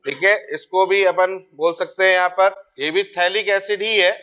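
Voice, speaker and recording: A man's voice: sits high, steady tone, moderate pace, pushed and bright, clear, resonant tone. A man teaching chemistry, talking casually and repeating key terms while checking that students follow. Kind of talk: board lecture.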